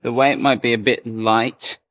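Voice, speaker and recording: Unhurried man talking through a gym workout. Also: mid-range voice, little pitch movement, a bit bright. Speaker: fitness vlogger. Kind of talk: casual narration between sets. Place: gym, indoors.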